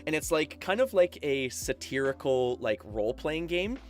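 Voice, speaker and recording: A man's voice: on the high side, sing-song, moderate pace, soft background music. Chatty Canadian man streaming with a headset. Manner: chatty, lots of fillers and laughs. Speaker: game streamer. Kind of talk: casual live-stream chat.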